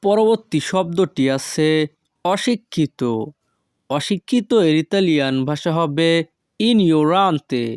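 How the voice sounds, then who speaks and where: A man with a fairly high voice teaches vocabulary in a very slow, measured drill. He stretches each foreign word out with care and repeats it. His voice sounds dry and close, with no room around it. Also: expressive, darkish tone, no room sound. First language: Bengali. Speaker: language teacher.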